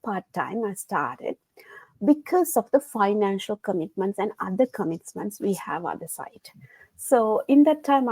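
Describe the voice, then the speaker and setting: A woman's voice: medium pitch, dry recording, poor audio. A woman in her thirties from Sri Lanka, a guest on an online call, talking earnestly about her life and work. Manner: earnest, non-native phrasing, soft laughs. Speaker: guest, engineer. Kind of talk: casual interview chat. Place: home.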